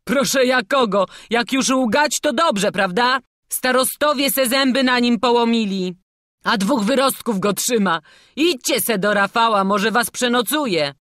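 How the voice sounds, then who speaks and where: Narrator putting on a grumpy gate guard yelling and mocking, loud, raised voice. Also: mid-range voice, unhurried, dry recording, clean studio sound, voice pushed up, lightly acted. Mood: scornful shouting. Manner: shouting, scornful.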